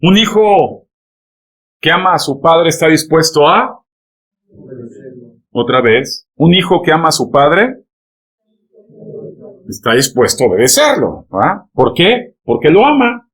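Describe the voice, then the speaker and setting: A man preaches a sermon in a voice pitched somewhat high for a man. He talks straight to the congregation, tells them to turn to one another, and keeps tossing in rhetorical checks for agreement. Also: big pitch swings, a little slow, long pauses, a bit bright, husky. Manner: emphatic preaching, peppered with rhetorical "¿verdad?" and "¿amén?" checks; addresses the congregation directly, telling them to turn to each other. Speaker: pastor.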